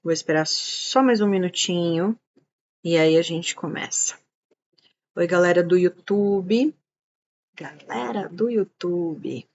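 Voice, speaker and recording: A woman's voice: on the low side, a little slow. A woman hosting a casual live stream as a diabetes educator, chatty and greeting viewers by name as they arrive. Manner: chatty, warm greetings, thinking aloud with restarts. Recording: dull lo-fi live stream audio.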